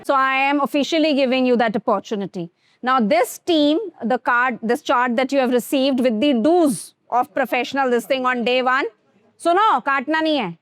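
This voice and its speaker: A high-voiced woman with an Indian accent leads a grooming class, mixing Hindi and English as she talks straight to her students. She speaks slowly and deliberately, drawing words out. The sound is dry and close, with little room echo. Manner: mixes Hindi and English, addresses students directly. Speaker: teacher.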